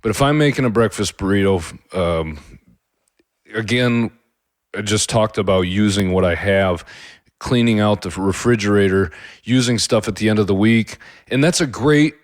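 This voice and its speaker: A man's voice: on the low side, normal speed, no echo, clean studio sound. A man hosting a cooking podcast, talking casually on his own in a rambling way, with lots of fillers and restarts. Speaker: podcast host. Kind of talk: casual solo podcast talk.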